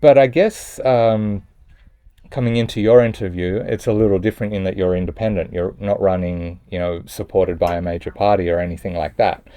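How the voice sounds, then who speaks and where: A man's voice: low-pitched, fairly even intonation, a little fast, mellow, clean tone. A man hosting a casual interview, asking questions with many hesitations and fillers. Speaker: interviewer, channel host.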